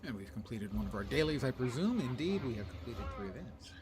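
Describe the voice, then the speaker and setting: A man's voice: medium pitch, very animated, brisk, background noise. A man giving casual game commentary, musing aloud in a wry, playful way. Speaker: gaming host.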